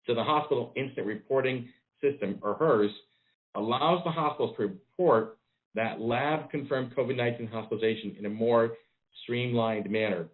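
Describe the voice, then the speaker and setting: A man, a public health official giving a briefing over a conference call phone line, measured and pausing with frequent ums. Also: medium pitch. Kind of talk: press briefing.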